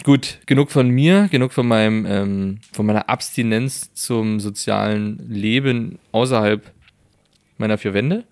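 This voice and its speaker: A man's voice: fairly low pitch, a little slow, darkish tone, no echo. Laughing, rambling German man, dry sound. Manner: laughs often, rambling with restarts. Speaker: podcast co-host. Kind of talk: casual chat.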